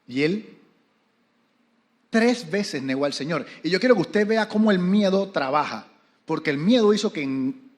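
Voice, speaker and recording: Panamanian pastor preaching with dramatic flair. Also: male voice, fairly high pitch. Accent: Panamanian Spanish. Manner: dramatic storytelling, asks the audience questions. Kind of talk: sermon.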